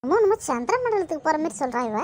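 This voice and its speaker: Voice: sits high, big pitch swings, rapid-fire. A voice actor playing a snarky, sarcastic girl friend in a cartoon. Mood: mocking. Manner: mocking, sarcastic.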